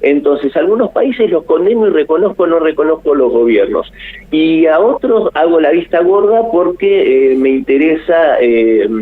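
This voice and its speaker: A man's voice: fairly high pitch, expressive, moderate pace. A man with a Rioplatense Argentine accent, a radio guest giving opinionated commentary, thinking aloud with many hesitations, heard over an AM radio phone line. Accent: Rioplatense Argentine Spanish. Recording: tinny narrowband phone line.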